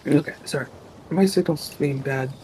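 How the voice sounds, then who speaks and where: A man on a bad online call connection, introducing his tabletop character in a halting, apologetic way. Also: on the high side, a little mellow, slight background noise. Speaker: player.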